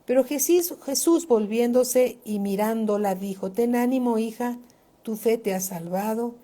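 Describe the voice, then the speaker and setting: An older woman pastor preaching a sermon in a deliberate way, rising for emphasis and often checking that her listeners follow. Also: a little high, warm tone. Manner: slow, deliberate preaching with emphatic rises and frequent checks for agreement.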